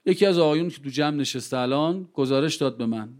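Higher-voiced man giving an impassioned speech. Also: lively intonation, a little mellow. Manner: rhetorical questions to the audience; slows down to stress key phrases. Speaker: public speaker addressing a gathering.

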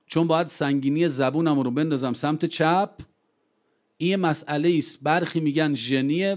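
A man with a somewhat high voice addressing a gathering in an impassioned speech. He keeps throwing rhetorical questions at his listeners. He drags out key phrases slowly for weight, then slips back into brisk storytelling with quoted exchanges. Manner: slows down to stress key phrases; lively storytelling with quoted dialogue. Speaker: public speaker addressing a gathering.

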